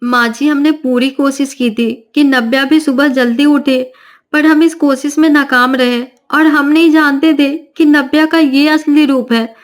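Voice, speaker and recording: A woman's voice: sits high, fairly even intonation, unhurried. Woman doing a polite young sister-in-law, pleading, kinda plain voice, cartoon story.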